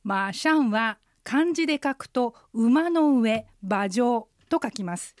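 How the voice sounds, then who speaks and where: A woman, an interpreter guide, teaching a radio language lesson, explaining phrases patiently and slowing down to model pronunciation. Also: fairly high pitch, animated, no echo, clean studio sound. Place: radio studio.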